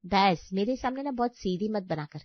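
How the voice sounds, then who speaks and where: A woman's voice: mid-range voice, expressive, normal speed, no room sound, close to an everyday voice. A woman voicing a spiteful, scheming young sister-in-law in a cartoon story, with an accusing, whiny manner. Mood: scornful. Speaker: voice actor. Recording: dry, slightly dull audio.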